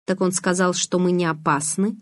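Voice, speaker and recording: A woman's voice: fairly low pitch, a little slow, no echo. A woman reading an audiobook, voicing an aloof teenage vampire boy with a dry, sardonic, restrained manner. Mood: cool, mocking.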